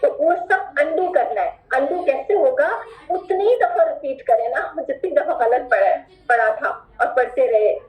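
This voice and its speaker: High-voiced woman teaching recitation, echoey. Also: expressive, a little mellow. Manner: instructive, repeats words slowly drawn out as examples; firm, asks students to pay attention. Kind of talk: online class instruction.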